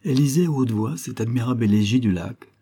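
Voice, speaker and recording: A man reading a nineteenth-century short story aloud in a measured, even narration. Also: medium pitch, husky. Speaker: audiobook reader. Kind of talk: literary narration.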